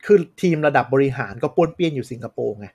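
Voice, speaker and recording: A man's voice: mid-range voice, lively intonation, fast talker, a little mellow. A man co-hosting a podcast in casual chat, frankly explaining things with examples. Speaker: podcast co-host.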